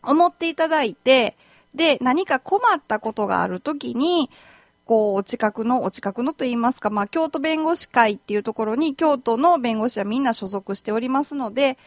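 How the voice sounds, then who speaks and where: A woman's voice: on the high side, expressive, normal speed, no echo. A woman with a Kansai accent, a lawyer hosting a solo radio talk show, speaking politely and chattily with many filler words. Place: community radio studio.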